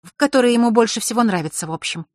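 A man voicing a stubborn, quick-tempered teenage girl in an audiobook, talking in a raised, indignant voice. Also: extremely high pitch, no echo, clean studio sound, pitched above the performer's own voice. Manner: indignant, defensive.

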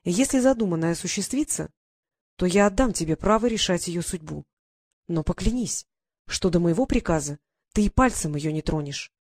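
Woman doing a scheming clockmaker lord, dry and mocking, slightly low, close dry sound, audiobook. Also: lively intonation, normal speed, darkish tone, no room sound. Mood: cool, ironic. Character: calm scheming male clockmaker lord, ironic.

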